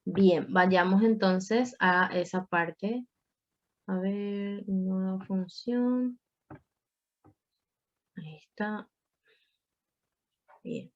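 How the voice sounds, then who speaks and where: A woman's voice: medium pitch, drawn-out words, long pauses, dull audio. A woman teaching a Spanish grammar class online, explaining patiently with playful asides to her students.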